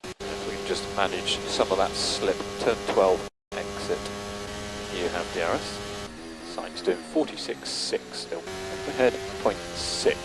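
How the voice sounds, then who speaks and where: Over a noisy team radio transmission full of car noise, a male race engineer delivers clipped, matter-of-fact updates. His voice is fairly low, creaky, and a little slow, with loud music behind it.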